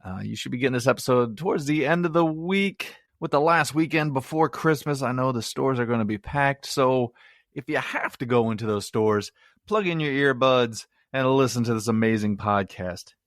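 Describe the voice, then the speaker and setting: A man's voice: mid-range voice, normal speed, no echo, studio quality. A man hosting his own movie review podcast, chatty and rambling, with self-mocking asides. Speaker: podcast host.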